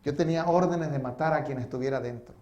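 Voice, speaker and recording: A male pastor telling a story in a church sermon, swinging between loud and hushed delivery. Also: a little high, fast, lo-fi sound.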